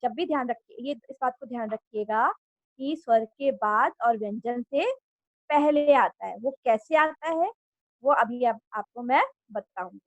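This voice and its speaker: Woman teacher, high and unhurried, patiently drilling words for young pupils. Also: no echo, low-quality recording. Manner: patient, repeats words slowly, asks children to repeat. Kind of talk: Hindi grammar lesson for children.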